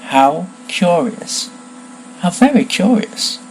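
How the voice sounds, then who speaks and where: A man voicing an intense, eerie old male wandmaker in a storybook reading, with a soft, hushed, lilting voice. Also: on the high side, expressive, moderate pace, slight background noise, low-quality recording. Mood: delighted.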